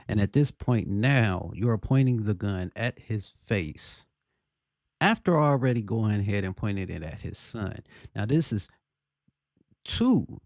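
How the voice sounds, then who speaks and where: Low, gravelly-voiced man giving commentary. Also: a little mellow, no room sound, clean studio sound. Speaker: video commentator. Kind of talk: casual opinion commentary on a video clip.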